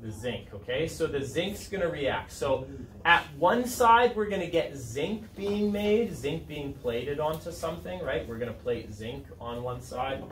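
A chemistry teacher in his thirties addresses his high school class unhurriedly, his voice on the high side and his intonation lively. He keeps things casual and conversational, checking in with students and posing questions. The distant camera mic, set back in the room, gives a roomy recording with room noise.

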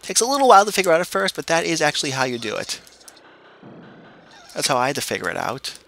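Playful, gravelly man commenting on a game. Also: a little high, wildly swooping pitch, quick pace, a bit bright, slight background noise. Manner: playful and jokey, corrects himself, imitates game sounds. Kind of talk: casual let's-play commentary.

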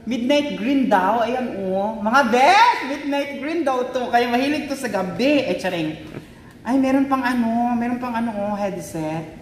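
Filipino girl unboxing stuff, giggly, high-ish voice, echoey room with a bit of background hum. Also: a little slow, recorded from a distance. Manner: excitable, giggly, mixes Tagalog and English. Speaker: vlogger. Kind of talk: casual unboxing vlog. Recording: echoey room, faint ambience.

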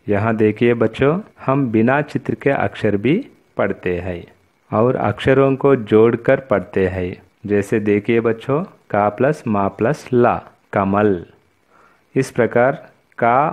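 A male teacher gives a recorded reading lesson to children, speaking slowly and patiently with a somewhat low voice. He keeps calling on the children as he explains. The recording sounds dull and lo-fi. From India. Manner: slow, patient, repeats "children" often. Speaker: Hindi teacher.

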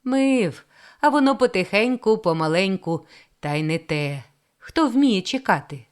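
A woman voicing a boastful middle-aged male railway inspector, loud and drawling as he tells his tale. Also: medium pitch, animated, a little slow, smooth, close to an everyday voice. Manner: loud, drawling, self-pleased storytelling.

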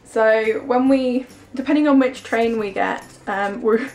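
Her voice is fairly high, a little slow and a little mellow, and the rough recording carries soft background music. She's an English woman in her twenties, a vlogger with a dog, chatting into a handheld camera held at arm's length in a kitchen, on a train and on a station platform.

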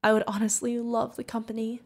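A woman chats directly to the listener as a sweet, curious, friendly feathered alien bartender in ASMR roleplay, sounding sweet and delighted. Her voice is a little high and monotone, delivered a little fast.

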